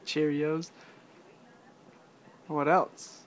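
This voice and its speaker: Playful young dad quizzing a toddler. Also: male voice, a little high, flat delivery, very slow. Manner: patient, playful questioning with soft laughs. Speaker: father. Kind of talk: casual home video chat with a toddler. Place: family apartment at home.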